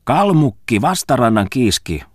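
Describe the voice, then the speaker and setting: A portly, good-humoured bookseller who teases and ribs his friend, with his voice pushed up from a low base, as a male reader puts him on. The sound is dry and close. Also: big pitch swings, no room sound. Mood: jeering. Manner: bantering, chiding in jest. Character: plump jovial male bookseller, teasing.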